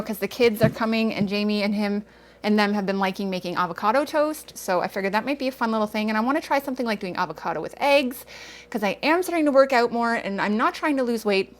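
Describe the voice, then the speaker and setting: A woman in her thirties chatting casually through a grocery haul vlog, rambling with self-aware asides. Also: mid-range voice. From Canada. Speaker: vlogger.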